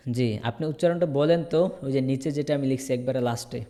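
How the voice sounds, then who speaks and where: A man's voice: mid-range voice, fairly quick, mellow. Patient male teacher drilling words, reverberant. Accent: Bangladeshi. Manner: repetitive drilling, asks and answers himself. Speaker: English teacher. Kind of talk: online spoken English class. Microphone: video call.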